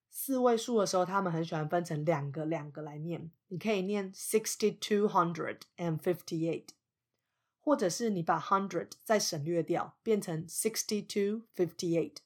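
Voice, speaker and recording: Lady teaching english, kinda low voice, slows way down on examples. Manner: patient, spells out English examples slowly. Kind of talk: explaining vocabulary lesson.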